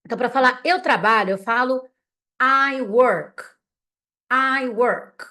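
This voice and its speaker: Slow, patient woman teaching English words. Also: high-pitched, expressive, bright, forceful tone. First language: Portuguese. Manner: slow, patient drilling of words for learners to repeat; casual and encouraging, with frequent check-ins. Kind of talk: teaching vocabulary with call-and-repeat drills.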